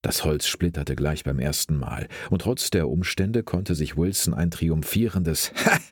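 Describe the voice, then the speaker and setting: A man narrates a crime story in a deep, husky voice, steady and measured. The recording is dry and close, with no room sound. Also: no echo. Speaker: audiobook narrator.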